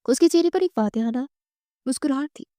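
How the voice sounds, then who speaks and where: A woman's voice: high-pitched, warm tone, no room sound. Woman storyteller, dramatic bedtime reading, dry close mic.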